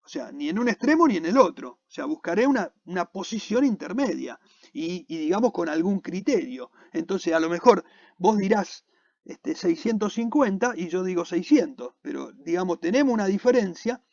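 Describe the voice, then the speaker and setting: An Argentine man gives a university accounting lecture in a fairly high voice. He talks through ideas with many restarts and checking questions. The recording is dull, lo-fi and dry. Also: expressive, moderate pace, vocal fry, darkish tone, dry recording. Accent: Argentine Spanish. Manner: explains with frequent restarts and checking questions to the student. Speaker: accounting teacher.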